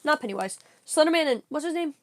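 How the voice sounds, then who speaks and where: Excitable young woman streamer, lively pitch. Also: fast talker. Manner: chatty, excitable, slangy, talks while snacking. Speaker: streamer reacting to a video. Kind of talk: casual live-stream reaction chat.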